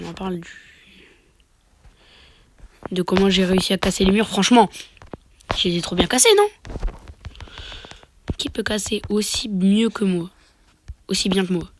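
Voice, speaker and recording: Recorded on a phone with slight background noise, a high-voiced man nursing a cold sniffles through a laid-back running commentary of his own match. He tosses in muttered, half-whispered remarks and joking boasts.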